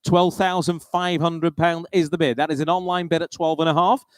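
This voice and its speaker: This is a British man working as auctioneer at a live auction, reeling off bid amounts in polished patter. His smooth, clear voice is a touch high for a man, with little pitch movement and a moderate pace. There's no room echo; the audio is close and dry.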